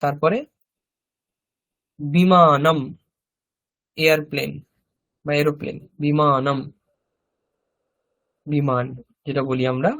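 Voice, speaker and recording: A male teacher with a Bengali accent, giving a slow vocabulary lesson and repeating each word carefully. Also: on the high side, little pitch movement, a bit bright. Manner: repeats each word slowly, explains pronunciation. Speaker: Sanskrit teacher. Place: language school classroom.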